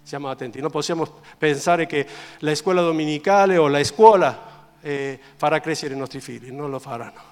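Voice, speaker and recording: A man delivers a fervent sermon in a church, hammering phrases again and again. His voice sits a little high and surges loud before falling back to near-quiet. A long hall reverb trails every word. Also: moderate pace. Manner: impassioned, repetitive preaching, swinging from loud to quiet. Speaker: pastor.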